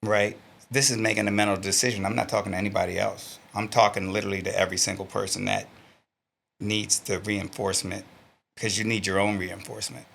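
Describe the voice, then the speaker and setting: A man's voice: fairly low pitch, level tone, brisk, gravelly, fairly bright tone, a little hiss or hum. A middle-aged man, a stunt performer being interviewed, who reads from an old journal and then talks about it in a blunt, earnest and emotional way, swearing freely. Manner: emotional, close to tears.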